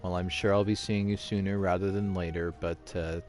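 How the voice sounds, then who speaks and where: Calm school principal, middle-aged man, deep low voice, patient, mild, quietly amused, quoted by a storyteller. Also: moderate pace, soft background music, lightly acted. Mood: reassuring.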